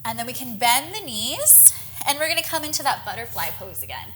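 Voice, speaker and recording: Leading a yoga session, this young woman gives encouraging, breath-paced instructions while a bit out of breath. She speaks slightly high and a little quickly, very animated with a sharp edge, over faint background noise.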